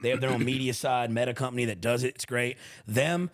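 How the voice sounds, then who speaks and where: A man's voice: mid-range voice, fairly quick. A man hosting a casual comedy podcast, telling rowdy road stories full of swearing. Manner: profane, animated storyteller. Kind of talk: casual chat.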